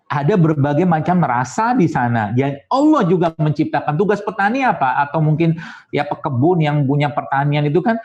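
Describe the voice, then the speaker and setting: A man gives a religious health talk to an audience. He speaks in a fairly high voice, chatty and joking, with little sound effects and asides. The recording sounds dull and lo-fi. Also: expressive, normal speed, a little mellow. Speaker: preacher and doctor giving a health talk.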